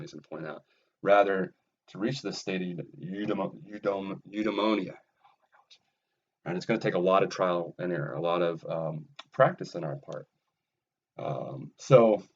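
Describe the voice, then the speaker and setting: A man's voice: sits low, highs cut off. A man lecturing on philosophy in a recorded video lesson, earnest and emphatic, often checking in with "right?" and "okay?".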